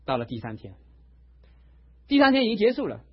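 A male pastor preaching a sermon, telling a personal testimony in an animated storytelling way, in a dull lo-fi recording. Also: sits high, fairly quick, breathy edge. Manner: animated storytelling, acts out quotes.

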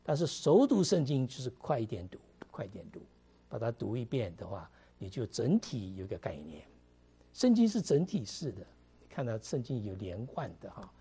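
A man's voice: medium pitch, big pitch swings, moderate pace, dark tone, slightly rough. A middle-aged man, preaching a conversational sermon to his congregation with many fillers. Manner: conversational preaching, mixing English words, frequent fillers. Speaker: pastor.

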